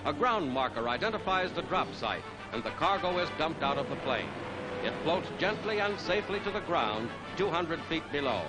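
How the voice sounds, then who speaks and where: Casting note: male announcer for an old 1940s newsreel, brisk and animated delivery. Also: fairly high pitch, low-quality recording. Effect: old newsreel narration. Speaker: newsreel narrator. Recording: old newsreel soundtrack with loud music. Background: loud music.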